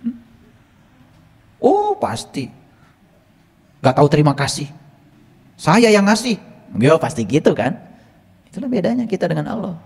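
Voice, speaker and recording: A man's voice: high-pitched, wildly swooping pitch, measured pace, gravelly, pauses often, darkish tone, husky. A male religious teacher gives a teaching lecture, teasing his listeners with rhetorical questions. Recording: long reverb from a hall.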